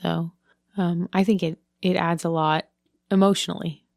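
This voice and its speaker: A woman's voice: on the low side, flat delivery, normal speed, creaky, dry recording, studio quality. A woman co-hosting a podcast, asking questions in a hesitant, casual way, often saying "like" and "I don't know". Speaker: podcast co-host.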